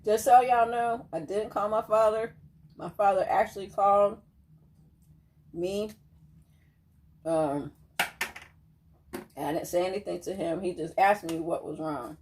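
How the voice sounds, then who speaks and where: A woman's voice: medium pitch, measured pace, pauses often. A woman co-hosting a seafood eating video, chatting playfully and casually with her partner while she eats. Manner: lively and playful, laughs easily. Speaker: mukbang co-host. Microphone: close mic for eating sounds.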